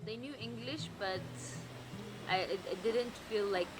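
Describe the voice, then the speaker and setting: A woman from Eritrea speaking softly and hesitantly about her own experience. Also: mid-range voice, measured pace, soft background music, rough recording. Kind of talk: personal testimony. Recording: outdoor street noise with passing vehicles.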